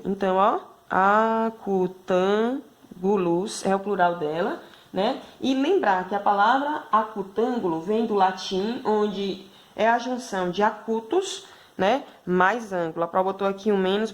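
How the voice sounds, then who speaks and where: Her medium pitch and moderate pace suit the patient explanations of this primary school math teacher, who has a Brazilian Portuguese accent. In a video lesson for schoolchildren, she constantly adds tag questions to check understanding.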